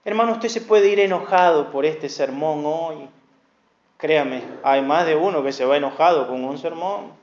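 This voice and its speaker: A man's voice: fairly high pitch, moderate pace, a little mellow. A male pastor preaching an earnest sermon, often calling his listeners brother and sister. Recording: echoey, dull church recording.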